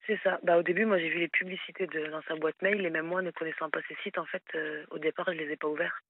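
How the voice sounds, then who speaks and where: A woman in her thirties from southwest France with a southwestern French accent, calling in to a radio show and speaking hesitantly with many pauses. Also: sits low, fairly even intonation, no echo. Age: 30s. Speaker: caller. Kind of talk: radio call-in conversation. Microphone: telephone. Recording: tinny phone line, dry.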